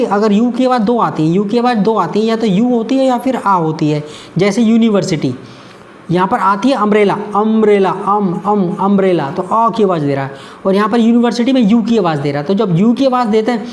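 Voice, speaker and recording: A woman teaching English grammar, repeating key points and reading example sentences slowly and deliberately. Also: fairly high pitch, darkish tone. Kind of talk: explanatory lesson.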